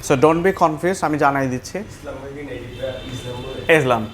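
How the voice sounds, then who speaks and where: Bangladeshi teacher drilling pronunciation patiently. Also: male voice, a little high, a bit bright, a little hiss or hum. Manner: explains patiently, repeats words slowly, mixes in English phrases. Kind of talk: classroom lesson.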